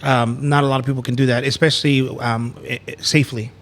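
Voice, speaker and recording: A man's voice: mid-range voice, little pitch movement, fast talker. A man co-hosting a podcast in casual chat, rambling with many fillers and restarts. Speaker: podcast co-host.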